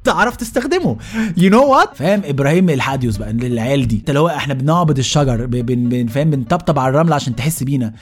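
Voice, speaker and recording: A man with an Egyptian accent hosting a comedic rant monologue, animated and exasperated. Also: mid-range voice, husky, soft background music. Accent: Egyptian Arabic. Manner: animated, exasperated, rapid-fire. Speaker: host.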